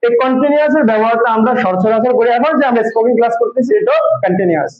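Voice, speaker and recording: Man, very high voice, English grammar lesson, repeats and quizzes students, dull lo-fi sound. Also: animated, very fast. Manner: drills students with repeated call-and-response questions. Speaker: English teacher.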